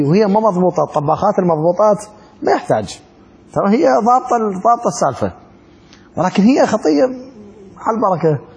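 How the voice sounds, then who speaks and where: Man, teacher's lecture, very husky voice, animated pitch. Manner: lively, colloquial, joking asides between read-out text. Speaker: religious teacher. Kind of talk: classroom lecture on religious law.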